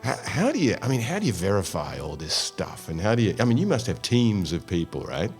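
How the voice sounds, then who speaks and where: A man's voice: fairly low pitch, big pitch swings, a little fast, faint music behind. A man hosting an interview, asking long rambling questions with anecdotes. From Australia. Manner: rambling, talks through anecdotes. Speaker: host.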